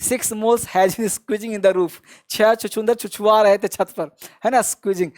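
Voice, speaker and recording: A man's voice: high voice, fairly even intonation, a little slow, darkish tone. A male teacher giving a spoken vocabulary lesson. He drills each word with frequent repetition, asks listeners to repeat after him, and praises them often.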